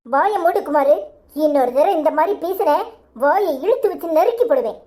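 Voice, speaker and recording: A woman's voice: very high-pitched, lively intonation, normal speed, warm tone. A woman voicing a trusting young wife in a cartoon, with a Tirunelveli Tamil accent and an earnest, sharply scolding manner. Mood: indignant. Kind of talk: cartoon voice acting.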